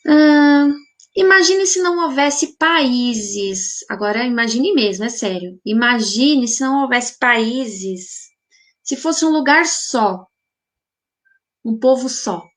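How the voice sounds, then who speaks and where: A woman who leads a spiritual healing group muses aloud during a live reflective talk, responding to viewer comments and posing many rhetorical questions. Her voice is fairly high and fairly bright, animated yet slow.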